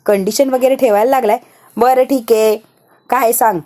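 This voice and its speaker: Cocky young man, dismissive, woman playing him, mellow tone. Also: on the high side, steady tone, moderate pace, close to an everyday voice. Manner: dismissive, mocking.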